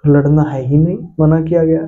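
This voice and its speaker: A man's voice: fairly high pitch, fairly even intonation, moderate pace. A male pastor from India preaching a sermon, talking straight at his listeners with repeated phrases and rhetorical questions. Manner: emphatic, repetitive, addresses listeners directly with rhetorical questions. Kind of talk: Hindi sermon. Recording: dull lo-fi sound with faint music.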